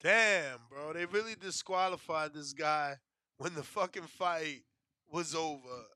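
A man's voice: fairly high pitch, measured pace, pushed and bright, no echo, clean studio sound. A man chatting casually on a livestream as host, with brash frat-bro slang, heavy swearing and an indignant, complaining manner. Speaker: livestream betting show host.

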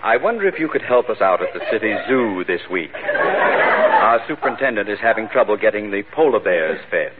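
Deadpan city official, vintage radio comedy, tinny and very noisy recording. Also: male voice, on the low side, moderate pace, a loud crowd. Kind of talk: 1940s radio comedy acting.

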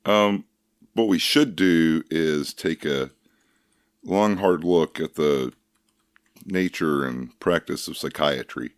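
A man's voice: extremely low pitch, takes it slowly, dry recording. A man co-hosting a casual podcast, talking in a dry, joking, rambling way. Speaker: podcast co-host. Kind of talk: casual chat.

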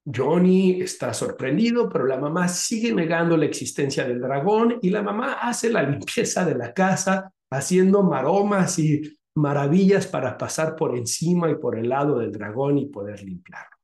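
A man hosts a podcast, telling a story and then giving advice. He sounds animated, and his voice sits a little high. The recording carries a roomy echo. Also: normal speed, hardly any pauses. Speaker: podcast host.

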